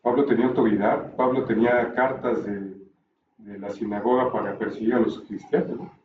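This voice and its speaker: A man teaching a Bible class, explaining calmly and tossing in rhetorical questions, recorded from a distance in a roomy space. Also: mid-range voice, normal speed, phone-quality sound, slight background noise.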